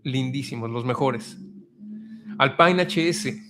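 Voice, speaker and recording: A man's voice: mid-range voice, takes it slowly, noisy background. A middle-aged man, an immigration consultant chatting casually and reading viewer comments, speaking with passion and stacking emphatic repeated lists.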